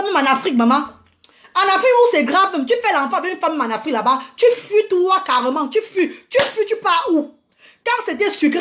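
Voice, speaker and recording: A woman vlogger with a high voice delivers a heated monologue to her viewers. She scolds them with indignant repetition, often breaking off and restarting her sentences. She addresses them warmly as "maman" even while she berates them. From Africa. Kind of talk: impassioned ranting monologue.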